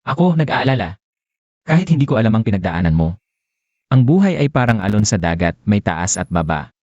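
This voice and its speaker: An actor playing a desperate grieving husband who pleads and insists in a dubbed drama. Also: male voice, mid-range voice, warm tone, dry recording, lo-fi sound. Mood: comforting. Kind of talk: dubbed short drama acting.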